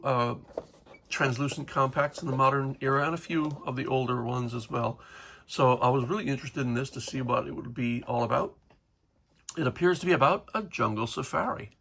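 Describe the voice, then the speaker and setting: A man's voice: medium pitch, vocal fry, sharp tone, a little hiss or hum. A man casually talking through a toy unboxing in his home workshop, rambling with fillers. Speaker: toy collector vlogger.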